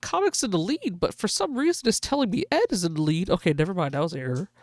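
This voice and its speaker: A woman hosting a live gaming stream, excitedly calling a race like a sportscaster for her viewers. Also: fairly low pitch, fast, dry recording, studio quality. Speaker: livestream host.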